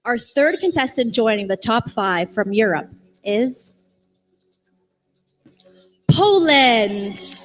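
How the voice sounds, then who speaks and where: Lady pageant host, high voice, drags out the reveals real slow. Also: lively intonation, faint music behind. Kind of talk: live pageant announcing.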